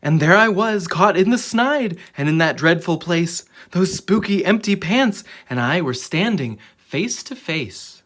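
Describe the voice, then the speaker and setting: A storyteller with a husky voice reading a children's book aloud in a dramatic, expressive way. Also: mid-range voice, a little slow, few pauses. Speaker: children's story reader and channel host.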